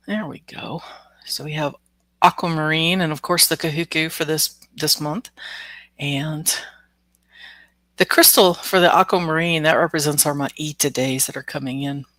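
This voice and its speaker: Congested and nasal from the flu, this live stream host and oracle card reader still chats casually, laughs often and greets commenters by name. She speaks low at a measured pace with frequent pauses, fairly even intonation and a fairly bright tone, no echo.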